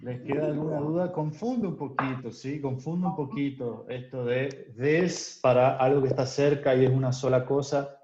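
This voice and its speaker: Through a video call with dull, roomy audio and faint noise, a man with a mellow, medium-pitched voice teaches English online, patiently covering grammar and drilling pronunciation with his class.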